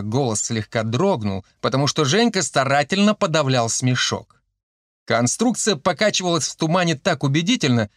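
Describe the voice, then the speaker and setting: A man narrating an audiobook in an expressive, lively way. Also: medium pitch, no room sound, clean studio sound.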